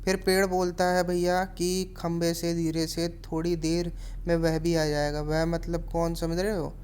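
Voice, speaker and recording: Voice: mid-range voice, little pitch movement, measured pace, a little mellow, clean tone. A teacher retelling a story chapter for students, with plain narration and casual asides to the class. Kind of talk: explaining a story lesson.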